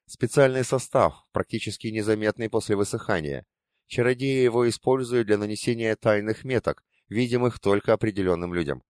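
A man reading an audiobook and voicing a stern, sardonic masked mentor who speaks slowly and irritably. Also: on the low side, a little mellow, dry recording, clean studio sound, natural voice. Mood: explaining. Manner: slow, irritable, dryly mocking.

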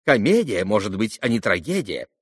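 A man's voice: on the low side, big pitch swings, moderate pace, slightly rough, no echo, studio quality. A man voicing a nervous, gushing middle-aged mother in an audiobook, with breathless, theatrical fretting. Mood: fretful gushing. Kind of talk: audiobook character reading.

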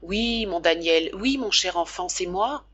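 A woman's voice: on the low side, animated, unhurried, fairly bright tone, lo-fi sound, a little hiss or hum. A woman reading the part of a talkative, affectionate father who fusses over his sick son. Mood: tender. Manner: chatty, scolding fondly. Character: doting talkative middle-aged father.

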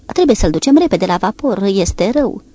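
A woman's voice: mid-range voice, very animated. Tender young woman, read by a woman narrator. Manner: gentle, soothing. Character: tender young woman comforting her hurt man.

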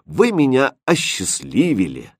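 A man voicing a sly, soft-spoken young prince in a storybook reading, quiet and insinuating. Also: lowish voice, wildly swooping pitch, measured pace, no echo, studio quality, heavily acted. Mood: mock grand.

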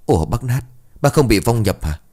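A man voicing a dim, cheeky young male sidekick in a spoken ghost story, with a whiny, excitable voice. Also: brisk, close to an everyday voice. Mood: excited. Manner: whiny, excitable, high-pitched.

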